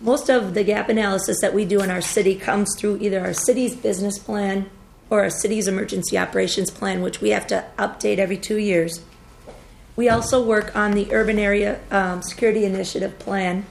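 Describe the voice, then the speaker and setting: A woman with a cold and a hoarse voice, giving formal testimony to a committee as a deputy director of emergency management, in an earnest, steady briefing style with frequent fillers. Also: mid-range voice, brisk, slight background noise. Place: government committee hearing room.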